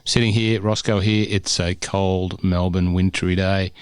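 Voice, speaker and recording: A man co-hosts a podcast from home on a cold winter day, chatting and joking in a casual, upbeat way. His deep voice is level and unhurried with a clean tone. Though captured over a remote call, the dry recording sounds studio quality.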